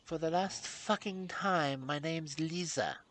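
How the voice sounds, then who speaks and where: A man's voice: fairly high pitch, takes it slowly, fairly bright tone, slight background noise, voice pushed up. A man voicing a stern, fierce young woman who scolds drunks in a game story. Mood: angry.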